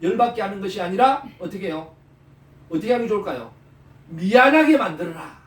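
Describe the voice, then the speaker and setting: Male pastor preaching, high voice, lively swings, rhetorical questions, roomy space, distant mic. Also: fairly quick. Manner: animated, peppers talk with rhetorical questions and "eh?" prompts. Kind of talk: sermon.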